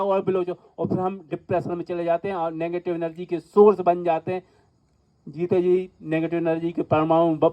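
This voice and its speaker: A man leads an indoor class as a spiritual teacher, speaking earnestly and instructively and returning to his points for emphasis. His voice sits a little higher than most men's. The recording is somewhat muffled and lo-fi. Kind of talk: spiritual healing lecture to a class.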